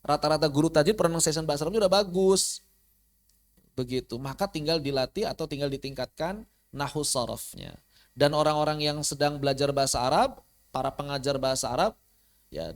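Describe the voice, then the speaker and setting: An Indonesian man teaching tajwid and Arabic pronunciation in an online lecture, lively, sounding out words to show them. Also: mid-range voice. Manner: animated, demonstrates pronunciations, mock-quotes students.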